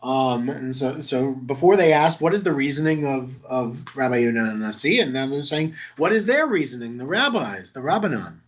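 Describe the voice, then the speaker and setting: A man's voice: medium pitch, animated, moderate pace, few pauses. A man leading a synagogue Talmud study group in a chatty, informal teaching style, often amused by the text and stumbling over Aramaic words.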